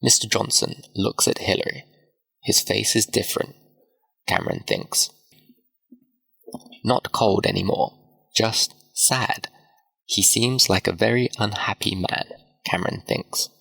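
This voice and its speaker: Guy reading a simple story slow and clear, low gravelly voice. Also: animated, pushed and bright, rough recording. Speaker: narrator. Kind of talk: slow scripted story narration for English learners.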